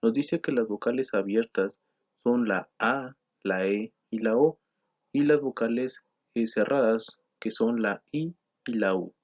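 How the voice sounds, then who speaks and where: Reading off slides, a man teaches grammar in a mid-pitched voice at an even, explanatory pace. He often fills gaps with "eh" and corrects himself, and the audio is a bit dull and lo-fi.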